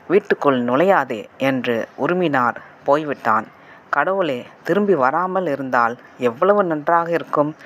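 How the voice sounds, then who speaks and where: Slow, calm male audiobook narrator. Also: a little high, a little hiss or hum. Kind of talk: scripted narration of a novel.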